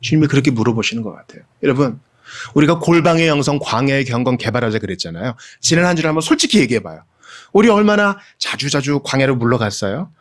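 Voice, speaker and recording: A man's voice: animated, quick pace. Earnest male pastor preaching a sermon. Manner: earnest, conversational, speaks directly to the congregation; swings from hushed and low to raised, emphatic pleading.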